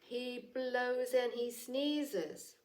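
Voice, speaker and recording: A woman's voice: a little high, steady tone, drawn-out words. A woman librarian reading a bedtime picture book expressively, with gasps and whispers, recorded from a distant mic. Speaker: children's librarian.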